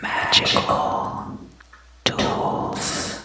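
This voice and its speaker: Soft, breathy and unvoiced, this whisper belongs to an ASMR host leading a guided meditation. She takes her time and gently repeats words, over a slight hiss or hum.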